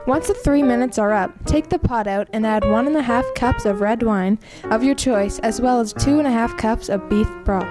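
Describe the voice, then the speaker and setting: A woman news presenter reading a scripted segment in a clear, measured, step-by-step way. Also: fairly high pitch. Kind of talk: scripted narration. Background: music.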